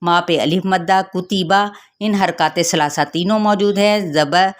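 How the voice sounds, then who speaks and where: Woman, tajweed teacher, slightly low voice, patient step-by-step explaining. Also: fairly even intonation. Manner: slow, drawn-out melodic recitation of verses. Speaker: Quran recitation teacher. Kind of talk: tajweed lesson, recitation then explanation.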